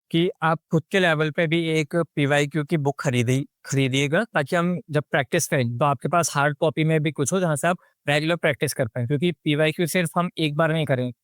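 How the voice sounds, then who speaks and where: A man's voice: fairly high pitch, a bit bright, clear, resonant tone, no echo, clean studio sound. Direct, blunt young male exam coach. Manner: direct, blunt, mixes English phrases into Hindi. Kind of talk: lecture to exam aspirants.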